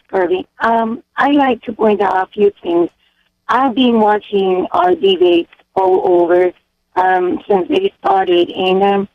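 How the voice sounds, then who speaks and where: A woman's voice: medium pitch, vocal fry. A woman from El Salvador calling into a radio show, speaking earnestly and hesitantly with many ums. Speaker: caller. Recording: tinny phone line.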